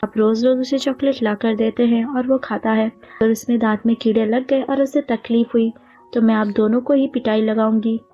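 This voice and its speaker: A woman's voice: a little high, fairly even intonation, moderate pace. A woman voicing a strict but loving mother who scolds firmly. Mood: scolding. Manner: firm, scolding. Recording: dull lo-fi audio with faint music.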